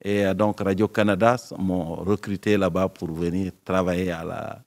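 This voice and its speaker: A man, a guest telling stories in a relaxed, joking way with pauses and fillers. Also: low-pitched, long reverb tail. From Senegal. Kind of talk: casual interview talk.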